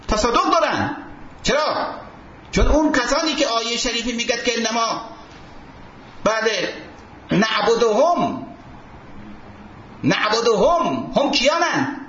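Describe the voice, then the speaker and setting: A man's voice: very high voice, animated, long pauses, pushed and bright. A man giving a seminary lecture, quoting Arabic texts and posing fill-in questions to his students. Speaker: seminary teacher. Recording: roomy dull recording with faint hiss.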